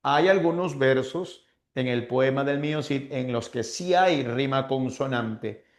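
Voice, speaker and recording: A man's voice: medium pitch, a little slow, reverberant. A man teaching literature in an online class, stretching out words as he dictates verses and playfully imitating confused students.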